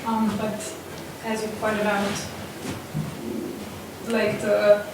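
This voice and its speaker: Female moderator, measured and flat, distant in an echoey hall. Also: medium pitch. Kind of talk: panel discussion. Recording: echoey hall from far off, noise.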